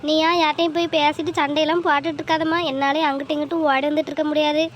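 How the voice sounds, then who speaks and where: Woman doing a caring young cartoon mother, very high soft voice, faint noise. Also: level tone, racing, lightly acted. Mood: soothing. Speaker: daughter in an animated family drama. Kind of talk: cartoon voice acting.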